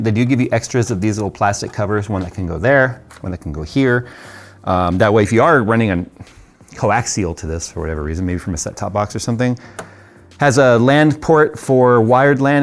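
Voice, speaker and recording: A man's voice: mid-range voice, a little fast. A man in his forties casually reviewing tech gear, talking in a chatty, rambling way with frequent ums and laughs, in a studio room with a desk setup. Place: studio workshop and desk setup with purple and red lighting.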